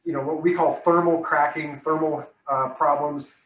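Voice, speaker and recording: A man, a roofing contractor, talking casually in a conversation, often checking agreement with a quick "right?". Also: a little high, fairly even intonation, far from the mic, a crowd in the background. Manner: chatty, tags statements with "right?". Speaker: roofing contractor hosting the talk. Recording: roomy sound from off the mic.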